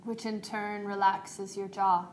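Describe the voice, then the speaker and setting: A woman yoga teacher leading a guided meditation in a calm, meditative, unhurried tone. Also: mid-range voice. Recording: roomy echo, faint background noise.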